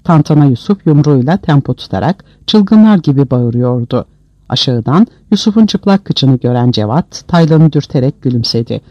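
A man's voice: mid-range voice, animated, moderate pace, dark tone, dry recording. A man narrating an audiobook in a dramatic storytelling manner, on a dull, dry lo-fi recording.

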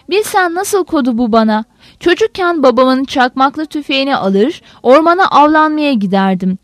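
A bitter male prisoner, read by a woman narrator, railing loudly at those who betrayed him. The audiobook voice sits high and is recorded close and dry. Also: dry recording. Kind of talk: audiobook character voice.

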